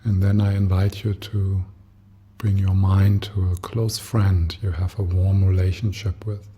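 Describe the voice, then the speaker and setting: A male teacher leads a guided meditation, speaking gently and softly at an unhurried pace with long pauses. His voice sits low, husky, with a level tone.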